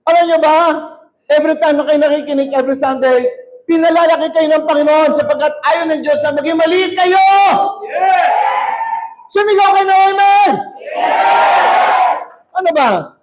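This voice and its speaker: A male pastor preaching a sermon in a church hall, shouting and calling on the crowd to answer back. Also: very high-pitched, fairly even intonation, fairly quick. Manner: shouting, rousing, calls for crowd response. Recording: dull lo-fi recording.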